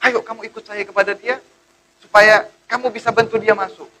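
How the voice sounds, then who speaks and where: A man's voice: sits high, little pitch movement, a little fast, pushed and bright, slight background noise, pitched above the performer's own voice, rough recording. A man voicing a sly male peacock who coaxes a friend into a plot. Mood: coaxing.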